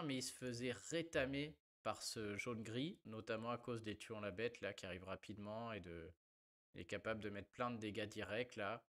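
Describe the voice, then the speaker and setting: A man's voice: medium pitch, a bit bright. Guy rambling about his card game deck, lots of ums, mid voice. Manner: chatty, many fillers. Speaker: card game content creator. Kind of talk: casual gameplay commentary.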